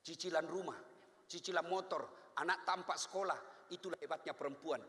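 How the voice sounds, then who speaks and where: A man's voice: a little high, normal speed. A man with a Makassar Indonesian accent preaching a humorous Islamic sermon, acting out voices of husbands and wives, recorded in an echoey hall. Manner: animated, jokey, acts out voices of husbands and wives. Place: large hall.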